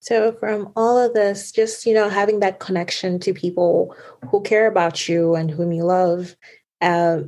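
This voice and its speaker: Zambian woman hosting, lowish voice, lots of um and you know, encouraging. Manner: warm, encouraging questions with many fillers. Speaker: interviewer, host. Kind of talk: conversational interview.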